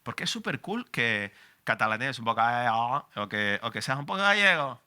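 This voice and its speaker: A man's voice: mid-range voice, very animated, normal speed, sharp tone, clear, resonant tone. A man in his forties with a Canarian Spanish accent, speaking passionately as a journalist on a panel at a book presentation. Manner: passionate, emphatic, frank and profane. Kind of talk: public talk at a book presentation.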